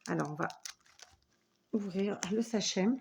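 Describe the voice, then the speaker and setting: A woman's voice: mid-range voice, unhurried, gravelly, slight background noise. A woman in her forties hosting a scrapbooking video at home, chatting enthusiastically as she opens gifts and thanks the sender. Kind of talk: casual unboxing chat.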